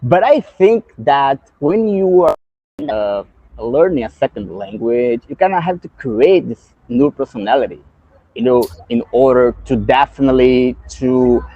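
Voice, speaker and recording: A man's voice: mid-range voice, animated, a little slow, no room sound. Brazilian man, dull dry call audio. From Salvador, Brazil. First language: Portuguese. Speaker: English learner. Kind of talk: casual lesson chat.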